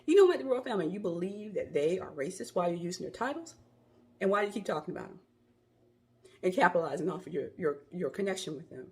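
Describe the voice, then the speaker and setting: A woman's voice: fairly low pitch, big pitch swings, fast, a little mellow. An American woman hosting an opinion channel, delivering an emphatic, scolding commentary monologue straight to her viewers. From United States.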